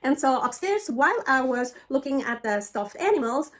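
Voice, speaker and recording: A woman's voice: high voice, sing-song, normal speed. A middle-aged woman from Switzerland talking casually to the camera in a travel vlog, chatty and frank, swearing freely. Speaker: travel vlogger.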